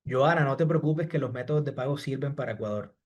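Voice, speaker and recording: An online course instructor answers a live class chat, talking fast in a medium-pitched, darkish voice over dull audio. He reads chat questions aloud, replies to students by name and tacks "¿sí?" and "estimados" onto each point.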